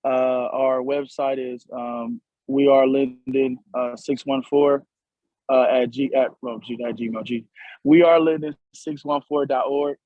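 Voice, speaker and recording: A man from a community group speaking casually on a panel, relaxed and hesitant. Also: mid-range voice, measured pace, dry recording, phone-quality sound. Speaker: community organizer.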